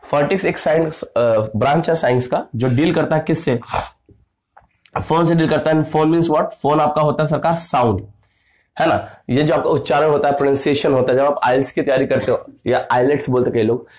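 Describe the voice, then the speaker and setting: A male teacher giving an exam-prep grammar lesson, lively, asking questions and answering them himself, calling his students "sarkar". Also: fairly high pitch, fairly quick. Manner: acts out classroom anecdotes.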